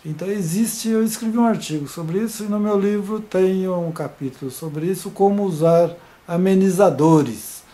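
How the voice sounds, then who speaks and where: A man's voice: sits high, normal speed, mellow. A man giving an informal video lesson, hesitant, with many repeated fillers and restarts.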